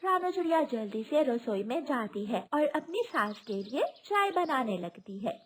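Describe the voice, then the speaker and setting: A woman narrating a children's cartoon story in an expressive, scripted way. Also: high-pitched, normal speed.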